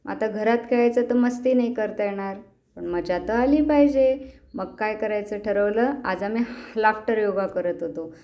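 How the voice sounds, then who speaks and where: A woman's voice: mid-range voice, normal speed, dark tone. A woman host giving a chatty, welcoming introduction to a children's activity video. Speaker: channel host.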